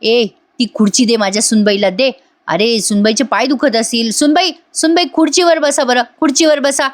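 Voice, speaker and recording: A woman's voice: a little high, moderate pace, close to an everyday voice. Give me a woman putting on a doting elderly father-in-law, fretful and bossy, with a raised voice. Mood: fussing. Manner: fussy, scolding then coaxing.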